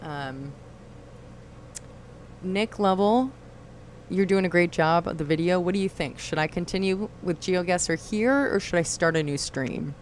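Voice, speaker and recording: Woman, livestream host, relaxed chat, lowish voice, reads comments aloud. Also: moderate pace, hardly any pauses, a little hiss or hum.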